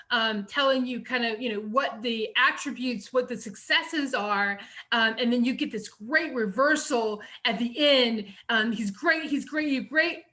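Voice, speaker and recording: A woman's voice: fairly high pitch, sharp tone. A middle-aged woman teacher, giving a recorded lecture on essay writing in a chatty way, full of fillers and "you know".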